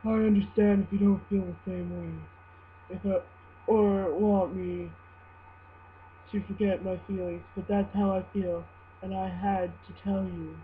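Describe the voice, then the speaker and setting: A woman's voice: mid-range voice, little pitch movement, a little slow, a little hiss or hum, lightly acted. A woman voicing a shy, lovesick, self-doubting young man in an amateur dramatic story reading, earnest and hesitant. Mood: nervous, lovesick. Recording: muffled, humming home recording.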